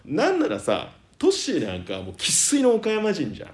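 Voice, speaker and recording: Playful man with a very lively pitch. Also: brisk, echoey room. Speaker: podcast co-host. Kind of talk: casual chat.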